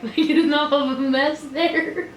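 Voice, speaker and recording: A woman's voice: high-pitched, steady tone, slow. A woman chatting casually and teasingly as a companion in a food challenge video. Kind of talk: casual chat. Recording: roomy echo, music behind.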